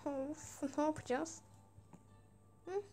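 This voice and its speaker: A young woman giving casual, exasperated gameplay commentary with bursts of shouting and swearing. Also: high voice, slow pace, over loud music. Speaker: gaming video creator.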